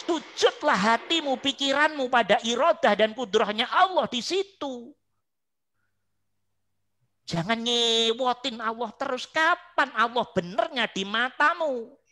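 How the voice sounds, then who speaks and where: Bright, emphatic religious teacher. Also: medium pitch. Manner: emphatic, repetitive rhetorical lines, asks the audience questions. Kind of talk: online religious study lecture.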